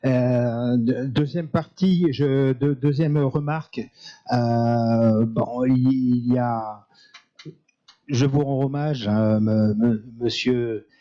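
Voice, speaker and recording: An older, retired man making halting spontaneous remarks from the audience at a public panel, often repeating words. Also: medium pitch, mellow, muffled recording. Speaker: retired audience member commenting.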